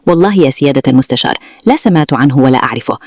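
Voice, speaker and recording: A cold, scheming lawyer lays out his plans with coolly mocking calm, as a male narrator puts him on. He talks at a quick clip in a medium-pitched voice, recorded dry and close with no room sound. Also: breathy edge, no echo. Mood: smug, scheming.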